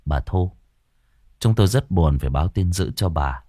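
A man's voice: lively intonation, warm tone, slightly rough, dry recording, clean studio sound. A man voicing a police officer in a horror story, delivering bad news solemnly. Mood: somber. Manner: low, measured, somber.

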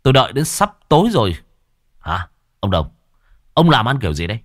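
A man's voice: extremely low pitch, huge pitch swings, a little fast, a little mellow, slightly rough, no echo, voice pushed down, exaggerated voice. A man voicing an impatient young villager who scolds in exasperation, his voice rising and falling sharply. It is recorded close and dry, in a storytelling read. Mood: exasperated scolding.

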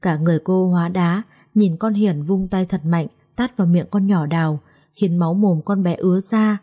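A woman storyteller narrating a scripted story and voicing every character herself, growing sharper and quicker in the quarrels. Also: lowish voice, mellow.

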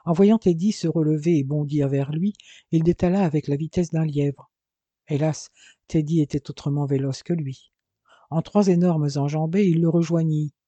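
A man reading an adventure novel aloud as an audiobook narrator, with a lively, dramatic delivery. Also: on the high side, no room sound.

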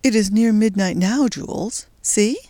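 A frightened young woman, played by a reader, whose words come low and hesitant, with a touch of lift in the pitch. The sound is close and dry, like a storybook reading. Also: unhurried, mellow, no room sound, natural voice. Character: young Belgian woman, anxious and fearful. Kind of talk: audiobook character voice.

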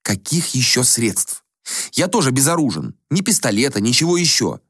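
A man's voice: mid-range voice, sing-song, normal speed, a bit bright, slightly rough, no room sound, studio quality, pitched above the performer's own voice, full character voice. A man voicing a confused, irritable ordinary man in a business suit who speaks bluntly. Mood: irritated. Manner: agitated, blunt.

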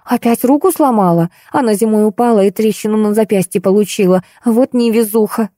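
A woman's voice: mid-range voice, a little fast, warm tone, no echo, studio quality, pitched above the performer's own voice, lightly acted. A woman reading an audiobook, voicing a plump, weepy young office clerk who grumbles plaintively. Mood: chatty.

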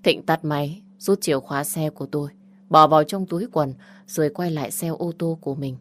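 A young woman narrating a first-person audio story in a calm, steady way. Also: low voice, fairly quick.

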